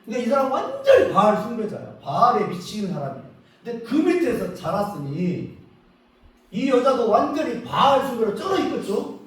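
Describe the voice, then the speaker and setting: Man, pastor, revival sermon, jokey, high-pitched, distant mic. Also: normal speed. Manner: animated, joking, acts out prayers. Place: church sanctuary. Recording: echoey hall from far off.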